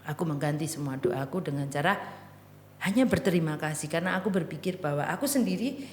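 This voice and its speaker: Woman, 40s, playful joking guest, lowish voice, echoey room, long reverb. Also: lively intonation, fast, slight background noise. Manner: playful, jokey, drops into Javanese phrases. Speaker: guest artisan. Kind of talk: casual podcast chat.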